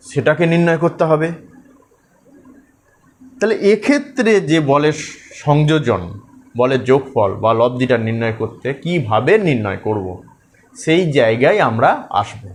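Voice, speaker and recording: A man teaching a school physics lesson, working through forces step by step and checking that pupils follow. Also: fairly high pitch.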